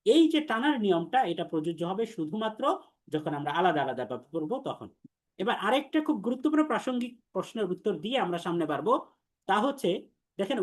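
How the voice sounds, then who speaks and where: Teaching the Arabic letters for reading the Quran, a man whose voice sits high leads call-and-response drills. His explanations go step by step, patient and repetitive.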